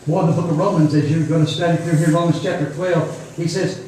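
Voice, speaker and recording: This youth camp preacher has a slightly high, mellow voice, fairly even intonation and a somewhat fast pace. He delivers an informal sermon to young people in a folksy, repetitive style. The recording has room echo, faint noise, and a microphone placed far away.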